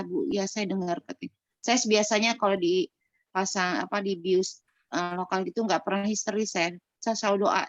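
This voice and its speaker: A woman's voice: mid-range voice, no echo. A middle-aged woman on a video call, candidly telling a personal story in an earnest, conversational way, often restarting her sentences. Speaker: participant sharing a personal story. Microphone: video call microphone. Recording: dull lo-fi video call audio.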